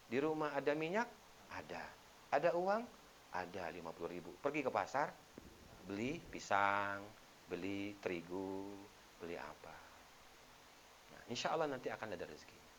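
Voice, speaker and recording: A low-voiced man preaches a sermon as an ustadz, his pitch swinging widely as he tells stories. He acts out the quoted lines in sudden loud bursts. A faint hiss sits under the recording.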